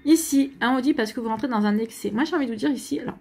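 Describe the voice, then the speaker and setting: A woman's voice: on the high side, racing, darkish tone, a little hiss or hum. A French woman giving a casual, rambling astrology reading to her viewers, full of restarts and reassurance. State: hiccups. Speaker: astrology and tarot reader.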